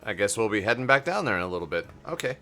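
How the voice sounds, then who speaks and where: Bright, lively low-voiced man commenting. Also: racing, faint music behind. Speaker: gamer commenting on a playthrough. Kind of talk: casual game commentary.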